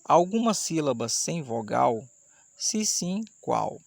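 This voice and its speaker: Gravelly-voiced male teacher explaining syllables. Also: fairly high pitch, big pitch swings, no echo. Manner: explanatory, slows down to spell out syllables. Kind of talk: online Portuguese grammar lesson. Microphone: camera mic, camera switched off.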